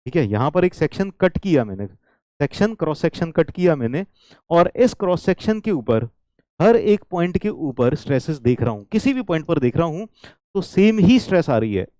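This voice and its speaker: A man gives an engineering lesson in a fairly high, very animated voice, mellow rather than bright in tone. He keeps checking with the class, repeats his key points and drops into English now and then. The sound is dry and close. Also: normal speed, no echo. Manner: switches into English lines. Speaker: teacher. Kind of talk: engineering lecture.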